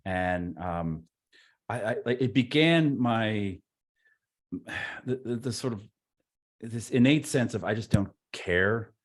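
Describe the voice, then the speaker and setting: A man with a fairly low voice talks as a guest in a relaxed, wry way. His stories wander, full of restarts and fillers. The tone stays easygoing and unhurried. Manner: rambling with frequent restarts and fillers; laid-back, wry. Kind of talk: casual anecdotal storytelling.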